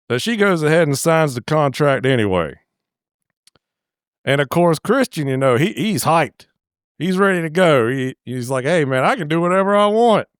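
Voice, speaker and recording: Rambling folksy man, high clear voice. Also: dry recording, clean studio sound. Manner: rambling, crude, down-home, lots of "uh". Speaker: channel host. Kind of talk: folksy movie recap.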